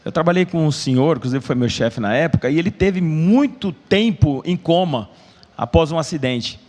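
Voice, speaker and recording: Brief: high-voiced Brazilian man, class participant, hesitant, hall reverb. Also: lively intonation, a little mellow. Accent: Brazilian Portuguese. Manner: hesitant, halting start. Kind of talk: telling an anecdote in class.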